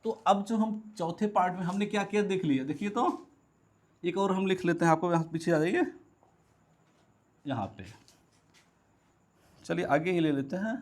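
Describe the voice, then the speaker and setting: A man with a high voice teaches a grammar lesson to his class. He keeps posing questions and answering them himself, and he repeats every key word so the students can follow. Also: normal speed, pauses often. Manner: calls students "beta". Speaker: English teacher. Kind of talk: classroom lecture.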